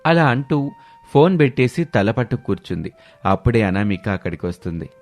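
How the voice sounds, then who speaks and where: A man narrating an animated family story in a steady, even storytelling manner. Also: lowish voice, normal speed, soft background music.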